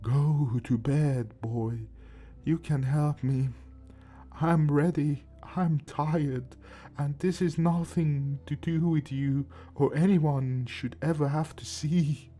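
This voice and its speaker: A man's voice: animated, dark tone, breathy edge, full character voice. A man putting on a haunted old grandfather. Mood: resigned. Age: older. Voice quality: higher, slow, strained voice. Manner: halting, broken speech. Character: frightened, guilt-ridden old grandfather haunted by a ghost. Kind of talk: horror story narration.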